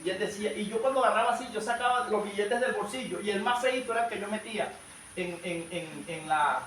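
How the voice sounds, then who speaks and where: A male evangelist with a strikingly high voice delivers a fervent sermon, calling out to his listeners as brothers. He sounds set back from the mic, and a strong echo rolls around the church hall. Faint noise sits underneath. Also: fairly quick, fairly bright tone, recorded from a distance. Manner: fervent preaching, often addresses listeners as brother. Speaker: evangelist preacher. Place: church service.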